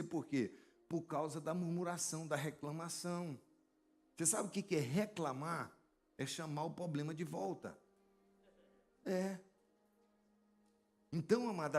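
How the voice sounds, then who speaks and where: Pastor, chatty storytelling sermon, kinda high voice. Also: male voice. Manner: conversational storytelling preaching, addresses congregation directly.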